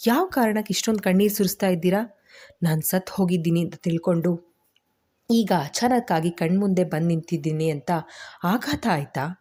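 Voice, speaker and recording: A woman's voice: lowish voice, normal speed, warm tone, lightly acted. A woman voicing a young mother who sounds curt and sarcastic on the surface but caring underneath. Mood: worried.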